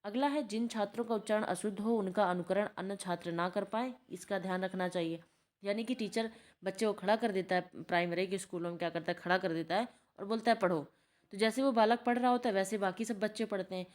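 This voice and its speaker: A woman's voice: medium pitch, steady tone, fast talker, darkish tone. A woman tutor giving a spoken lecture from notes, who keeps posing questions and answering them herself. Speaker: teacher-training tutor.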